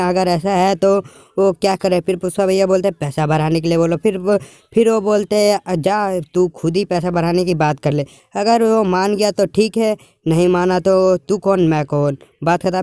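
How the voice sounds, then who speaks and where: A man's voice: high-pitched, mellow, smooth, dry recording, studio quality. A man casually retelling a film's plot, quoting the characters' lines in plain colloquial speech. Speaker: movie recap YouTuber.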